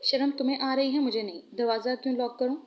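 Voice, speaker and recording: A domineering young husband, mocking and bossy, voiced by a woman in her own fairly high voice. The sound is dull and lo-fi. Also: steady tone, quick pace, slight background noise, lightly acted. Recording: muffled lo-fi recording.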